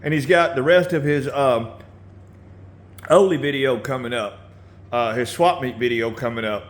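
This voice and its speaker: A man hosting a casual motorcycle how-to video in his garage, relaxed and rambling, often clearing his throat and coughing. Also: medium pitch, normal speed, a little hiss or hum. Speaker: motorcycle builder and channel host.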